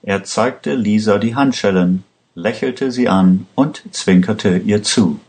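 A man reading a story aloud in a slow, measured way. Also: fairly low pitch, darkish tone. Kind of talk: scripted storybook narration.

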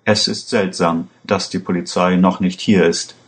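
A man's voice: deep voice, steady tone, moderate pace, slightly rough. A man reading a story aloud, voicing an armed man who speaks curtly and threateningly. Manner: curt, threatening. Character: tense armed man in brown shoes.

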